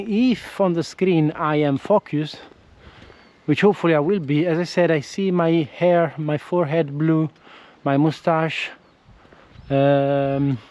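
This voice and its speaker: A slightly high, darkish male voice belongs to an Italian-accented, non-native English speaker vlogging casually on an outdoor walk. He hesitates a lot, restarting and self-correcting frequently, and records with an action camera fitted with a windscreen.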